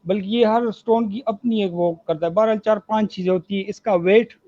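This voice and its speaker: High-voiced Pakistani man, hesitant speech. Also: fairly even intonation, a little fast, warm tone, dull audio. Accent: Pakistani Urdu. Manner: hesitant, many fillers and restarts. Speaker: gemstone dealer guest. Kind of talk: casual explanatory chat.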